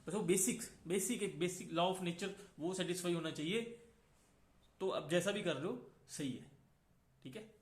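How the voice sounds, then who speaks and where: A man with a fairly high voice teaches a physics class and moves through each idea step by step. He keeps checking that his students are following him. The recording has a roomy echo. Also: moderate pace. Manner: explains step by step, often checks in with "है ना". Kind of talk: classroom lecture mixing Hindi and English.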